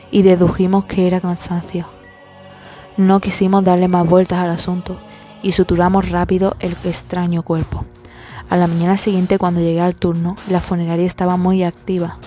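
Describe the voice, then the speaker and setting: A woman reading a first-person horror story aloud, slow and measured, with hesitant pauses. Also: fairly low pitch, dark tone.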